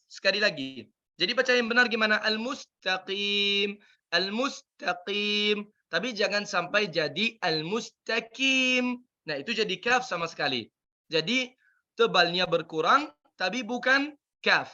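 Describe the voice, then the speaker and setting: A man teaching a Quran recitation class, drilling pronunciation by repeating sounds slowly. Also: sits high, pushed and bright, highs cut off. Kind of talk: tajweed pronunciation lesson.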